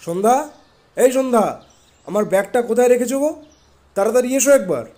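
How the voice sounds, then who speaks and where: Brief: male actor as an evasive, short-tempered husband, raised pitch, mellow timbre. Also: lively intonation, fairly quick. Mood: hurried. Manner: curt, brushing off questions. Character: irritable secretive husband, middle-aged man. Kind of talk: Bengali audio drama acting.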